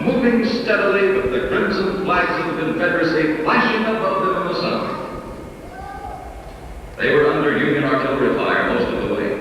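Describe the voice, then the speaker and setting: Man narrating on an old VHS tape. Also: sits high. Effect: old VHS home-video recording of a loudspeaker playback. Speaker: recorded presentation narrator. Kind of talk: scripted dramatic narration. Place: large indoor exhibition hall. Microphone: camcorder mic far from speakers. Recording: echoey hall, far off, faint hiss.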